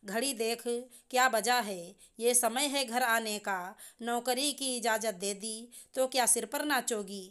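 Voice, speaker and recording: A woman's voice: fairly high pitch, unhurried, few pauses, a bit bright, clean tone. A woman voicing a stern older mother-in-law who scolds in a biting, taunting way. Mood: scolding.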